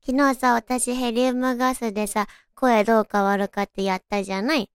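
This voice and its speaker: A woman's voice: a little high, fairly even intonation, a little fast, clear, resonant tone, no room sound, studio quality. A woman with a naturally cute anime-girl voice, hosting a casual solo radio chat in a playful, girlish manner. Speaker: radio show host.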